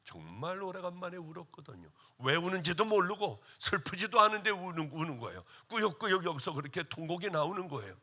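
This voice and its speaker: A male pastor preaching at a revival meeting, his fairly high, bright voice leaping up and down in pitch. He tells a personal testimony, one moment exclaiming loudly and the next dropping to a hush. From Korea. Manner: emotional storytelling testimony, swinging between loud exclaiming and hushed tones.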